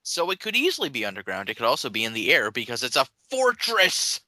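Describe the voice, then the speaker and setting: A man's voice: medium pitch, huge pitch swings, fast, bright, forceful tone, dry recording. A man co-hosting a casual podcast, teasing and sarcastic in his banter. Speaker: podcast co-host.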